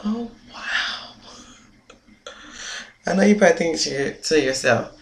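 This hair vlogger, a young woman, has a gravelly voice on the low side with lively intonation and an unhurried pace. She chats casually and playfully to a close-range webcam, amused, occasionally whispering. Her small indoor room sounds echoey with faint noise.

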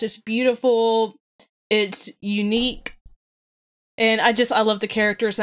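A woman's voice: medium pitch, fairly bright tone. A woman co-hosting a gaming podcast, chatting casually with enthusiasm and giggles. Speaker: podcast co-host.

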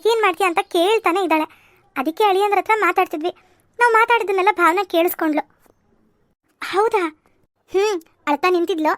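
Woman doing a cartoon younger sister, very high voice, fretful, rambling. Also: dry recording, clean studio sound.

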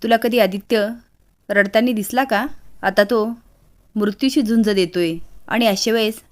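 A stern, composed mother of the house who gives firm orders. A woman reads her lines in a recap of a TV serial. She sounds steady and in control. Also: mid-range voice, a little slow, natural voice. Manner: firm, commanding. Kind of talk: reading a serial recap aloud.

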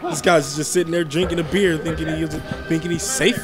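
A man's voice: a little high, fairly even intonation, brisk, over music. A young man giving casual, rambling, joking commentary while playing a video game. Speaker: gameplay host.

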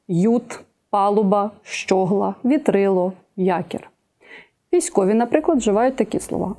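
A woman teacher giving an exam-prep video lecture, listing examples one at a time in a measured way. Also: medium pitch, dark tone.

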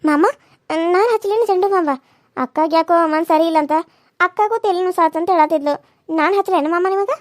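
A very high, rapid voice for a gentle young village woman in a cartoon, coaxing and rustic in a North Karnataka accent, as a woman acts her out. The sound is dry and close to the mic. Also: dry recording. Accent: North Karnataka Kannada. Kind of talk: cartoon serial voice acting.

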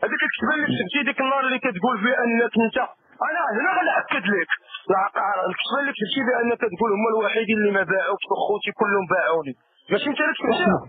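A man with a Moroccan Arabic accent comes through a phone line, thin and tinny and a little far off. His voice is very high and breathy. He fires off questions at a rapid clip. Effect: heard over a phone line.

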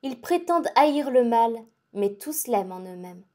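A woman reading the part of a feverish, exalted young invalid girl, talking in an excitable, breathless and intense way. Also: on the high side, measured pace. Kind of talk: dramatic audiobook reading.

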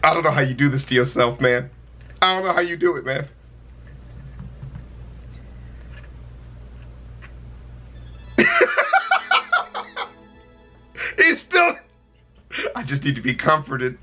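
A man's voice: medium pitch, big pitch swings, fairly quick, bright, forceful tone, soft background music. A young man giving casual, amused reaction commentary into a headset, often laughing and swearing. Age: young adult. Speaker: reaction video host. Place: indoor room at home.

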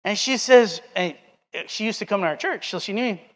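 A man's voice: high-pitched, fairly quick. A man in his forties, preaching a sermon and telling a personal story in an earnest way, acting out the quoted dialogue. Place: church sanctuary. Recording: long hall reverb.

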